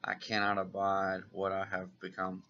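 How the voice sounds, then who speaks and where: A man's voice: deep voice, completely flat delivery, moderate pace, muffled recording, slight background noise. Man reading as a tormented young heroine. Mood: pleading. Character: young woman hero, tormented and frightened of her darkness. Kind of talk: reading comic dialogue aloud.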